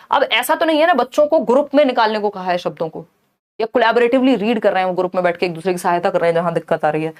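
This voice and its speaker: A woman teacher runs through an exam-prep lesson at a rapid clip. Her voice sits a little high, and she keeps checking in with her listeners through short rhetorical questions. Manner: explains with rhetorical questions and Hindi-English mix.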